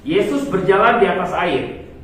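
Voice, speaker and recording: A man leads a church Bible reading and sermon in a halting way, full of fillers and small corrections. His voice sits fairly high for a man. It comes from far off the mic in a strongly echoing hall. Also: a little hiss or hum. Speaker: preacher.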